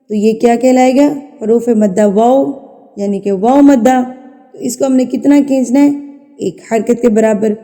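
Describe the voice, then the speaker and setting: A woman with a very dark, mellow voice leads a tajweed lesson, patient and methodical. She asks questions and answers them herself, repeating each sound slowly to demonstrate it. The voice carries a long, lingering reverb. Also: on the high side, gravelly. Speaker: Quran recitation teacher.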